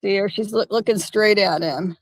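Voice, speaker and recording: A woman chatting casually on a phone livestream by a lake, talking in halting, rambling bursts with many restarts. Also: medium pitch, no echo. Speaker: van-life vlogger. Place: parked by a lake.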